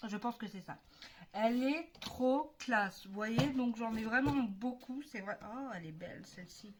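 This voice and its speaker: A woman's voice: on the high side, normal speed, background noise. A woman with a Spanish accent who hosts a casual doll unboxing and craft tutorial, chatty and enthusiastic and dropping in English words. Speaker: doll customizing vlogger.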